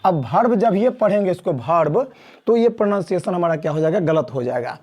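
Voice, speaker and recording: An English teacher from the Mithila region of India teaches a beginners' lesson at a board. His voice is mellow, dark, high-pitched and animated, and he speaks slowly and deliberately, stretching out each letter and repeating key points.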